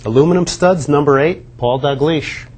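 A slightly high, a little mellow male voice at normal speed, with faint background noise. As a sports TV host, he presents a walking tour through a locker room and hallways on a lapel mic, staying upbeat and chatty while pointing things out.

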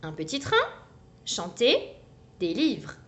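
A woman reading a picture book aloud for young children, animated and coaxing. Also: medium pitch, slow. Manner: animated, sing-song and coaxing. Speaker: children's story reader.

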